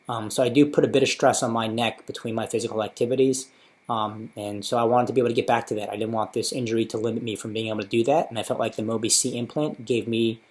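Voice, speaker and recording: A man in his thirties with an American accent, talking casually and matter-of-factly in an informative personal video diary. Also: mid-range voice. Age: 30s. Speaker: patient sharing his surgery experience.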